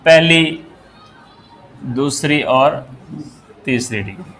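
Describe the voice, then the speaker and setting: A man teaching English grammar, asking the class questions as he goes and spelling words out slowly. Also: fairly high pitch, animated, fairly bright tone, slight background noise. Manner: slow and deliberate, asks the class rhetorical questions and spells words out. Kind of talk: grammar lesson.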